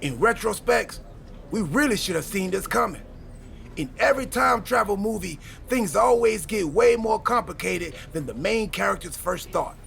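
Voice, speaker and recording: A man gives a heavily acted video game cutscene performance as an excitable, goofy time-travelling wrestler, wisecracking through dramatic exposition in a wry, animated mood. His voice is high with vocal fry, at a moderate pace.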